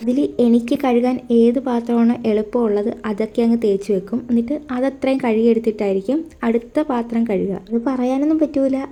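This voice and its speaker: A young stay-at-home mother from Kerala, India chats casually about her daily routine, homely and friendly, with frequent friendly tag words. Her voice is mid-range and warm.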